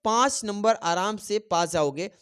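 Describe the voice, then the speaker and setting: A man's voice: high-pitched, measured pace, a bit bright, smooth. A man tutoring students for a Hindi exam. He asks a question, answers it himself and repeats the key answers so they can be written down. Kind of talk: exam-prep teaching.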